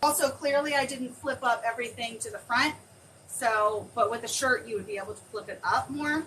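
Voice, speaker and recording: A woman demonstrating a craft on a live stream, chatting excitably and thinking aloud as she works. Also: a little high, fairly quick. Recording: distant mic with clear background noise.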